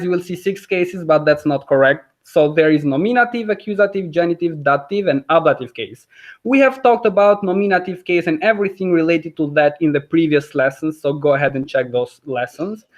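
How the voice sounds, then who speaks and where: Albanian man teaching, high-pitched. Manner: friendly, explanatory, with frequent fillers. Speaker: language teacher. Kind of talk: live online lesson. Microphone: video call.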